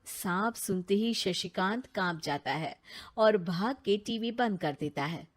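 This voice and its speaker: A woman's voice: mid-range voice, lively intonation, a little slow. A woman narrating a scripted children's story.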